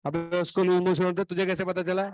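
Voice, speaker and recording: A male coaching teacher with a high, level, somewhat dark yet smooth voice talks fairly quickly as he scolds his class, sternly and sarcastically grilling each student in turn. He's running a fever and his throat is in bad shape. The recording is dry, with no room sound.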